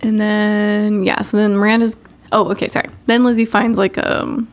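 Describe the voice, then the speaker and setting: A woman's voice: medium pitch, little pitch movement, normal speed. Rambling woman recapping casually. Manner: rambling, filler-heavy, laughs often. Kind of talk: casual chat.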